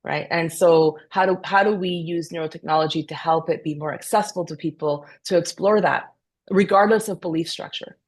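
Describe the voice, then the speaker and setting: A woman's voice: on the low side, brisk, husky. A woman who grew up in Canada after being born in Peru, a company founder speaking thoughtfully as a podcast guest. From Peru, raised in Canada. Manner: thoughtful, earnest. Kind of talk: conversational interview.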